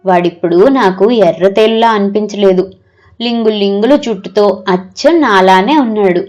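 A woman narrating a story in a lively, expressive reading as the channel's storyteller. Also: medium pitch, moderate pace, highs cut off, faint music behind.

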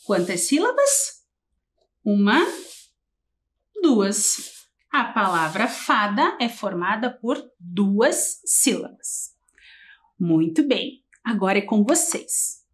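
A woman teacher leading a TV literacy lesson for young children, talking in a slow sing-song and stretching syllables as she counts letters. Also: medium pitch, sing-song. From Brazil. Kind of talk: early-grade literacy lesson on TV.

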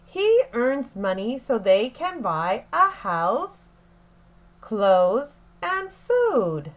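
This is a woman teacher reading to little children, carefully phrase by phrase and full of expression, as in a picture-book session. Her pitch is on the high side.

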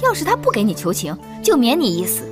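A woman's voice: fairly high pitch, wildly swooping pitch. An actress playing a teasing, sarcastic second concubine in a period TV drama, with music behind her. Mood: knowing. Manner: teasing, sarcastic, quick to explain schemes. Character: sharp-tongued scheming second concubine, woman. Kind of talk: Chinese period TV drama, dubbed dialogue.

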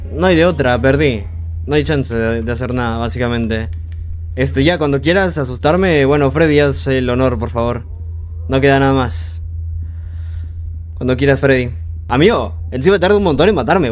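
A young man giving frantic live commentary on a horror game, urging himself on with rapid repeated words and joking with the game's characters. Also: medium pitch, a little hiss or hum. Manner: jokey, talks to the game's characters. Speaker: gaming streamer.

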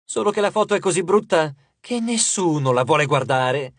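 A man's voice: a little high, animated, normal speed, dry recording. A man reading an audiobook and voicing a cocky teenage boy hero who mocks and brags. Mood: mocking. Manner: brash, showy, mocking.

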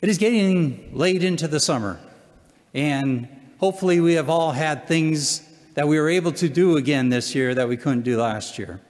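An older man, a deacon speaking from the lectern in a measured, solemn way as he reads and preaches. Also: fairly high pitch, animated, darkish tone. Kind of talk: scripture reading and homily. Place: large church, at the lectern. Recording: long church hall reverb.

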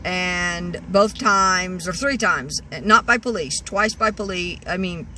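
She takes it slowly, her low-ish voice pushed and bright, while telling a meandering story from her parked car. This vlogger in her sixties restarts constantly and peppers her talk with "you know," filmed on an arm's-length phone with a bit of hiss or hum.

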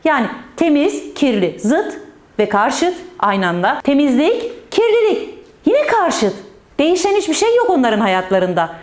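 A woman's voice: high voice, sing-song, normal speed, echoey room. A woman teaching children in a playful storytelling way, joking with the pupils and stressing words in a sing-song manner. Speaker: primary school teacher.

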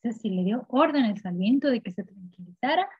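A woman's voice: on the high side, expressive, brisk, husky, no room sound, muffled recording. A woman teaching a children's Bible lesson, telling the story with animation and asking the children questions. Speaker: Sunday school teacher.

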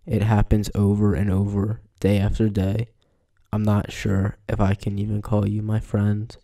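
Man doing a broken young man, gravelly, very flat, slow, halting monologue. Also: lowish voice. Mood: despairing. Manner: halting, confessional, sighing. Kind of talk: film monologue.

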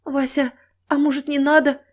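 A kind older countrywoman frets and weeps, her voice lifting high with worry, as a woman narrator plays her. It is an audiobook reading. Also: level tone, normal speed, natural voice. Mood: frightened. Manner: fretting, tearful exclamations.

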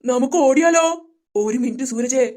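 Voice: sits high, moderate pace, darkish tone, lightly acted. A performer voicing a curious young boy in a comic family skit. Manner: chatty, curious. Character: curious young boys, neighbors.

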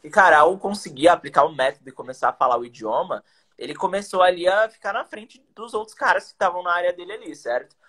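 Fast and high, with a breathy edge and a bit of brightness, the voice belongs to a young Brazilian English teacher. He's chatting energetically on a video call, slang and rhetorical questions included, in a casual live stream of teaching tips. A webcam records him in a small indoor room.

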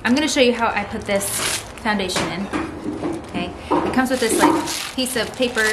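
A woman in her thirties explains her work in a relaxed, chatty way, teasing herself as she goes. She is recorded on a camera mic in a big barn, with heavy noise behind her voice. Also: fairly high pitch, brisk. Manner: chatty, self-deprecating, explains while working. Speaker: homesteading vlogger. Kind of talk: casual how-to chat. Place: large barn indoors. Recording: loud background noise.

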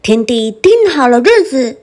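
A woman storyteller reading a children's bedtime story in a gentle, expressive voice. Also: sits high, a little slow.

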